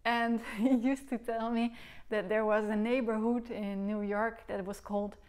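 Seated on a living room sofa, a recorder teacher from the Netherlands, in her thirties, demonstrates articulation by voicing syllables and using gestures. Her clean, slightly mellow voice sits fairly high, barely moves in pitch, and runs a little slow. It's a patient demonstration lesson with a Dutch accent.

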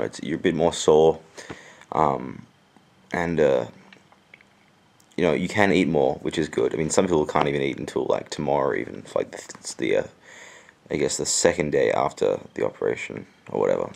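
A young adult man with a swollen, sore jaw, rambling casually and deadpan to a handheld camera at home. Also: extremely low pitch. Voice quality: gravelly, creaky voice. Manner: deadpan, dryly joking. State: swollen, sore jaw after wisdom teeth removal. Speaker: vlogger. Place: indoors at home. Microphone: handheld camera at arm's length.

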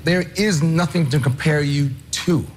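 A man's voice: fairly high pitch, normal speed, a little hiss or hum. A man judging a talent show, reacting with effusive exclamations and encouragement.

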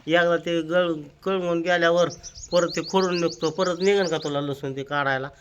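A man's voice: fairly high pitch, steady tone, moderate pace, lo-fi sound, a little hiss or hum. An older man, giving scolding, practical farm instructions to the family. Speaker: farming elder of the family.

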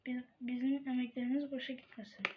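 A woman chatting casually to viewers in an ASMR-like style, softly murmuring and often dropping close to a whisper. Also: sits high, level tone, fast talker. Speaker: video creator talking to viewers. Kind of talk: casual vlog chat while playing with slime, ASMR-like. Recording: dull lo-fi home recording, faint noise, clicking.

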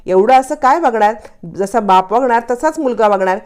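A woman voicing a stern older grandmother in a drama recap, sharp and defensive. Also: a little high, animated, normal speed, close to an everyday voice.

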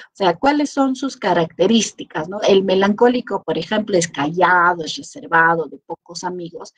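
A middle-aged woman with a Peruvian Spanish accent, giving an online class lecture in an animated way. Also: mid-range voice, dry recording, rough recording. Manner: animated, acts out quoted people with lively voices. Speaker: teacher.

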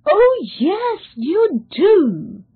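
A woman's voice: a little high, wildly swooping pitch, takes it slowly, husky, full character voice. A woman voicing a grave inner voice of conscience that questions a young man sternly. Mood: calm. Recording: tinny phone-like sound.

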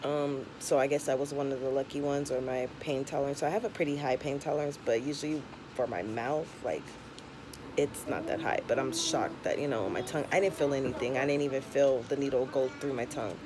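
A young woman vlogger talks casually and frankly to camera, handing out advice in a conversational way, with a slight lisp from a tongue piercing. Her voice is a bass register and fairly quick. Filmed at home on a camera or phone held at arm's length, the audio has clear background noise.

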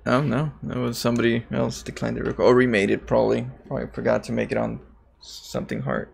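Gravelly male esports caster. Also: mid-range voice, little pitch movement, fast talker. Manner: analytical, joking banter. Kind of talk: live game commentary.

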